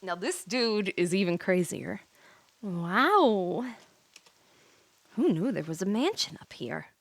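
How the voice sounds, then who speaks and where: Her voice sits at medium pitch with lively intonation and a slow pace, recorded with no echo. She's a virtual YouTuber playing a game live, tipsy from wine and giggling as she chats and breaks off to react, with faint music underneath.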